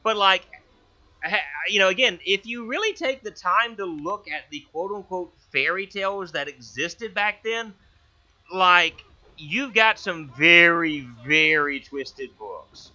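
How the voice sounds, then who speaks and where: A man's voice: high voice, lively intonation, unhurried, sharp tone. A man hosting a casual let's-play, rambling with many stammered restarts while he plays. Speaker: gaming channel host. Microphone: headphones with gaming mic. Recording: dull lo-fi mic.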